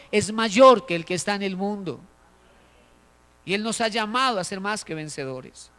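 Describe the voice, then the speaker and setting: A male pastor with a very high, bright, clear voice delivers a sermon at an unhurried pace. He speaks to the congregation as brothers and builds his points with rising emphasis, and his voice rings through a hall with a long reverb. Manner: preaching with rising emphasis, addressing listeners as brothers.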